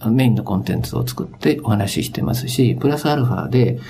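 A man's voice: fairly low pitch, expressive, fast, mellow. A man speaking as a business consultant on a podcast, explaining things in a casual, conversational way.

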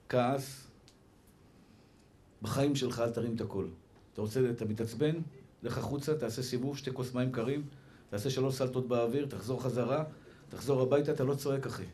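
A middle-aged man preaching to a live audience as a rabbi, lively and playful, acting out the people in his stories. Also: medium pitch, long pauses. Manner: lively, playful, acts out quoted people, shifts between loud and hushed.

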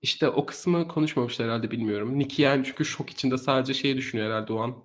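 Guy on a true crime podcast, talks super fast, gets animated and laughs a lot. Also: medium pitch. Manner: animated storytelling, laughs often. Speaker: podcast co-host telling a true crime story.

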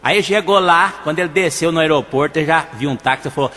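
A man telling country jokes, laughing often and quick with replies. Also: fairly high pitch, pushed and bright, long reverb tail. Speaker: joke teller, host. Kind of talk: rural joke telling duo.

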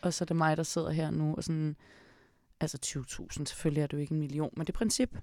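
Gravelly-voiced young woman podcast host. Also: deep voice, flat delivery, dark tone, no room sound, clean studio sound. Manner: frank, sarcastic, swears often. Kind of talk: casual chat.

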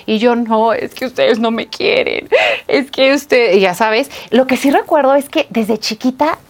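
A young woman speaks in a slightly high voice. She is an actress who is a guest in a casual interview. She tells stories with animated energy, laughs often and acts out the quoted lines. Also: unhurried.

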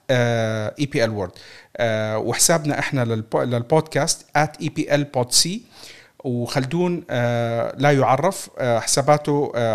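Male sports podcast host with a Levantine Arabic accent, casual and chatty, rattling along at high speed. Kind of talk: casual football podcast chat.

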